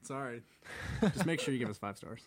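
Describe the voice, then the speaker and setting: A young man co-hosting a casual podcast, making jokes in quick banter. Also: medium pitch, lively intonation, a crowd in the background. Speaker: podcast co-host. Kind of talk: casual chat.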